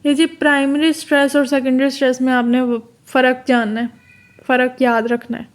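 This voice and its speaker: A Pakistani woman walks students through exam material in a casual, step-by-step way. Her voice sits on the high side and stays flat, with little melody. She slows right down to read out the English terms. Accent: Pakistani Urdu. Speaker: tutor. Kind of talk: exam-prep lecture.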